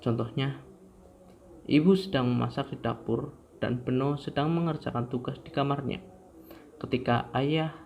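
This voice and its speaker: A man's voice: mid-range voice, steady tone, moderate pace, gravelly, pauses often, darkish tone. A young man reads a grammar lesson aloud in a class presentation, in a plain mid-range voice. He reads steadily from notes, tripping over words and restarting them. A faint hiss of noise sits under the recording. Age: young adult. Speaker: student presenter.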